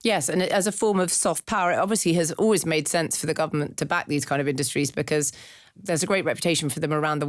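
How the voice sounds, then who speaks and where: A man co-hosting a podcast, chatting in a brisk, dry and quick-witted way. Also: a little high, no room sound. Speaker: podcast co-host. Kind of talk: casual chat.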